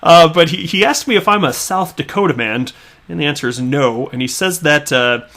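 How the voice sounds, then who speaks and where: With a fairly high, fairly bright voice at a moderate pace, this Midwestern man runs a crypto YouTube channel. He casually reads and reacts to tweets, talking chattily, leaning on fillers, and frequently repeating himself.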